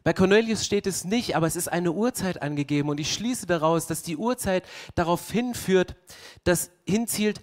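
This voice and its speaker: A young male pastor delivers a sermon in a lively storytelling way, acting out the scene and asking his listeners pointed questions. His voice sits high for a man. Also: normal speed.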